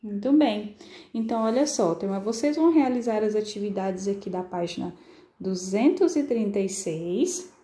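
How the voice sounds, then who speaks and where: A woman with a Brazilian Portuguese accent teaching first graders, sounding out syllables slowly and patiently. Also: medium pitch, lively intonation, mellow, roomy sound. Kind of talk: recorded online lesson for children.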